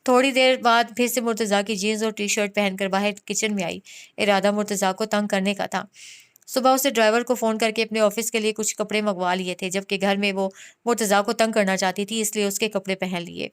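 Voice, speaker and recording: A woman narrates a romantic novel for an audiobook. Her voice is smooth and clear at a middle pitch, and she keeps a steady storytelling flow. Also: fairly quick. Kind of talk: novel reading.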